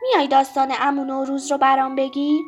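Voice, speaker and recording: A small, impatient girl, as a woman storyteller puts her on pleads and presses with question after question. Her voice sits high and bright in a children's audio story. Soft music plays underneath. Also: flat delivery, lightly acted. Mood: excited. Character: eager hungry little girl, impatient.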